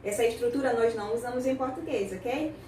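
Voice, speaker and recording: A high-voiced woman explains a lesson at a steady teaching pace and slows down to model each English phrase carefully. She sits some way from the mic, so her voice carries a roomy echo with a faint hiss behind it. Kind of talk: online language lesson. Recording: echoey room, mic at a distance.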